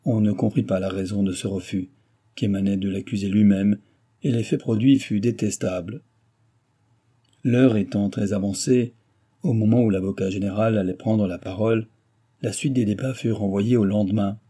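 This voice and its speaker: A man narrating a classic novel in a steady, measured reading. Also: fairly low pitch, breathy edge. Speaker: audiobook narrator. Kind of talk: scripted narration.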